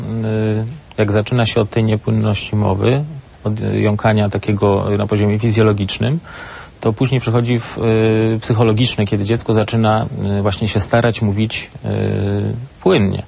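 A man psychologist explains, pausing often on drawn-out fillers. His low voice is gravelly and husky. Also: little pitch movement, a little mellow. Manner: halting, many "y" and "mm" fillers. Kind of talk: expert explanation on a talk show.

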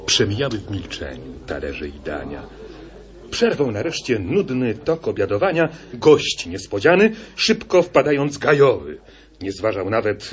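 A man's voice: medium pitch, slightly rough. A man giving a theatrical reading of epic verse for an audiobook.

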